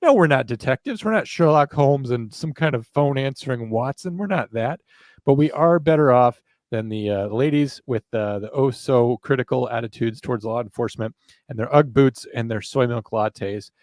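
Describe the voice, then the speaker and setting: A man's voice: mid-range voice, animated, moderate pace, a little mellow, no room sound. A man in his thirties co-hosting a true crime podcast, talking in a sarcastic, rambling, self-mocking way. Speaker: podcast co-host. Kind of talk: casual podcast chat.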